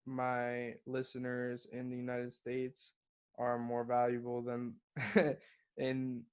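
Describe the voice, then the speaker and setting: A young man from Guatemala chats loosely as a podcast guest, keeping his pitch level and even. He drops casual swears and keeps saying bro. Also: slow pace, clear, resonant tone, highs cut off. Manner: laid-back, swears freely, calls the host bro. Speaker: podcast guest, hip-hop artist. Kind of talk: casual interview chat.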